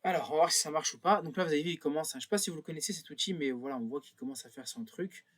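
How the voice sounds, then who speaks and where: A man's voice: a little high, rapid-fire, fairly bright tone. A man thinking aloud through a screen-recorded tutorial, with many fillers and self-corrections as he clicks. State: a bit nervous. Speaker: instructor.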